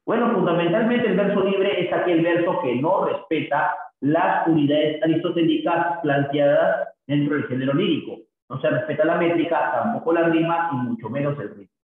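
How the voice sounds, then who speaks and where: A man teaching a literature class in a slightly high voice. He keeps checking in with his listeners through tag questions and stretches recited verses into a sing-song drawl. The sound is thin and phone-like, with heavy echo. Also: moderate pace, few pauses. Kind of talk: classroom lecture.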